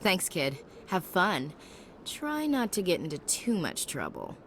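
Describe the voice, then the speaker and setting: Sardonic soldier, low and lively, teasing, for a game. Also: female voice, measured pace, very noisy, exaggerated voice. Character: wisecracking female soldier, teasing.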